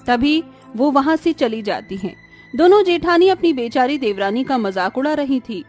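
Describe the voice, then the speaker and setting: Woman narrator, scripted storytelling, fairly high voice, steady delivery, faint background music. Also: moderate pace.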